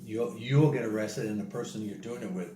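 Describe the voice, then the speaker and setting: A man telling a casual story in an animated way, repeating himself and acting out what other people said. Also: lowish voice, a little fast. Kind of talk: casual spoken travel story. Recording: roomy, distant mic, noisy background.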